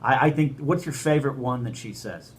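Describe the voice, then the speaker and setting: A man co-hosting a casual chat, enthusiastic and animated. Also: mid-range voice, brisk, a little hiss or hum. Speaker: co-host.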